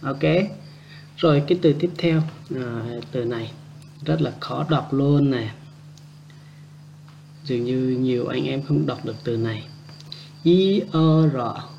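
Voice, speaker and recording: A man giving a casual spoken language lesson, repeating example words slowly and adding chatty, joking asides. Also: mid-range voice, vocal fry, highs cut off, a little hiss or hum. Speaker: language teacher.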